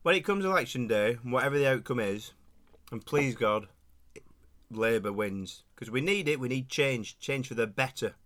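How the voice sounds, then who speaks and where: A man's voice: mid-range voice, expressive, normal speed, a bit bright, natural voice. A man playing a blunt, hot-headed conspiracy-group member, bursting into indignant rants. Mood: earnest. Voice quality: ranting, indignant outbursts. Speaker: assistant co-host. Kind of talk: comic character podcast.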